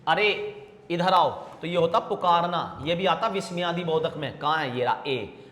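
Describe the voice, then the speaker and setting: A man teaching Hindi grammar for exam prep, repeating answers slowly and calling students bhaiya and beta. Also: a little high, fairly bright tone. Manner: drawn-out repetition of answers; calls students 'bhaiya' and 'beta'. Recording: echoey room with long reverb.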